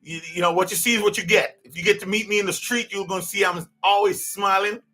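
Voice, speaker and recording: Earnest man in his fifties, high and bright, unscripted podcast host who restarts his sentences a lot. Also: fairly even intonation, fast, faint music behind. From Jamaica. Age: 50s. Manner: earnest, rambling with many restarts. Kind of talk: unscripted personal monologue.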